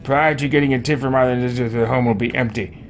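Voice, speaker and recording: With video game music playing behind him, a man streams a game, musing and reading a guide aloud in a theatrical let's-play style. His medium-pitched voice is fairly even in intonation and a little fast.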